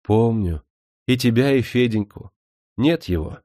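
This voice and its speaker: Man putting on a blind young woman, soft, plaintive, slow, dry storybook voice. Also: mid-range voice, animated, no echo, lightly acted. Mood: wistful. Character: blind young Roma woman, sorrowful and tender.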